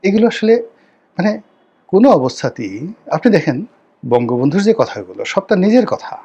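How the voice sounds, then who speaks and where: A man's voice: high-pitched, big pitch swings, moderate pace, dark tone, slightly rough, lo-fi sound. A man commenting on a political talk show, speaking emphatically with rhetorical questions and English phrases mixed in.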